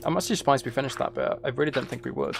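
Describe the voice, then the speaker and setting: Talking very fast with vocal fry over music, this medium-pitched gaming and ASMR livestreamer chats loosely with viewers mid-game, thinking aloud as he goes.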